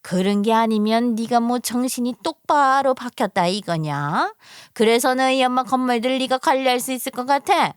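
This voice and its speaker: A woman's voice: a little high, smooth, no echo, clean studio sound, close to an everyday voice. A woman voicing a scheming, contemptuous middle-aged mother-in-law in a story radio drama, scolding and belittling. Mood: sneering. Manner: scolding, belittling, sneering sighs.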